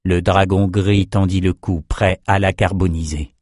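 A man reading a fantasy novel aloud as narrator, in a steady, measured way. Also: sits low, dry recording, clean studio sound. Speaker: audiobook narrator.

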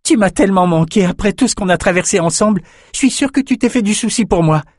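Excited boastful young swordsman, man doing the voice, high and loud, audiobook. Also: quick pace, dry recording, studio quality. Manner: excited, shouting.

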